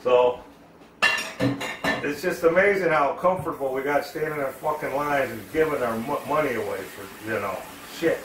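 A cooking vlogger with a medium-pitched voice tells a rambling, profanity-laden story at a moderate pace while cooking at home. The recording is echoey with a noisy background, his voice far from the mic.

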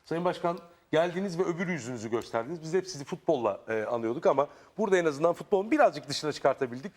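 A man hosting a talk show, briskly announcing the next night's guests and signing off. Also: on the high side, lively intonation.

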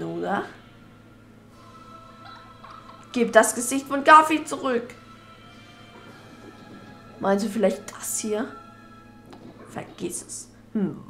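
Woman voicing a gloating dark lord villain. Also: faint music behind, natural voice. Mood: mocking. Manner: slow, drawn-out, theatrical threats with booming laugh. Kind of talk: reading game dialogue aloud in voices.

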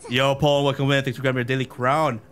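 A man streaming a game live, chatting excitably with viewers and laughing often. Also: mid-range voice, fast.

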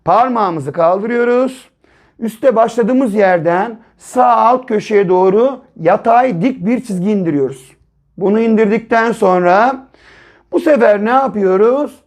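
A male primary school teacher speaks to young children in a slow, patient voice. He sounds out syllables one at a time and repeats each one. He keeps checking that the children are following along. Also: high-pitched. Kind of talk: early reading and writing lesson for children.

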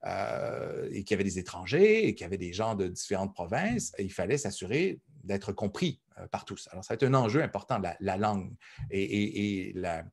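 A husky, low-voiced man lectures at a university at normal speed, very animated. His delivery is conversational and full of fillers and repeated words as he thinks aloud in this recorded lecture.

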